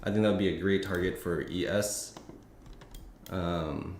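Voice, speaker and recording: Low-voiced man thinking aloud over charts. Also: steady tone, measured pace, a little mellow. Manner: rambling, thinking aloud with many fillers and restarts. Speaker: futures trading streamer. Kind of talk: casual live-stream market commentary. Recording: echoey room with faint noise.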